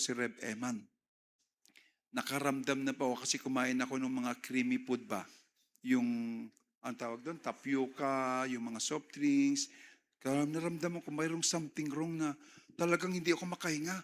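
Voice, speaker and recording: A man's voice: mid-range voice, steady tone, normal speed, long pauses, a bit bright. A middle-aged man with a Filipino accent, preaching a sermon and mixing Tagalog and English, with call-and-response asides to the congregation. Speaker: pastor.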